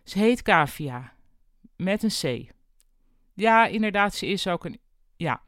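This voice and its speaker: A reader voicing a helpful young woman receptionist who sounds brisk, friendly and businesslike in a storybook reading. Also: mid-range voice, animated, a bit bright, no echo, studio quality.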